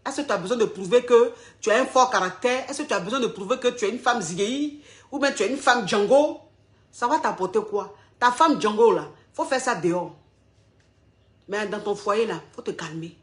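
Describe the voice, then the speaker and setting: A woman's voice: fairly high pitch, lively intonation, normal speed. Woman coach lecturing about marriage, firm, says everything twice, fires questions at you. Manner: emphatic, repeats each point twice; addresses listeners directly with pointed questions. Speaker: relationship coach. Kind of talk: marriage advice monologue.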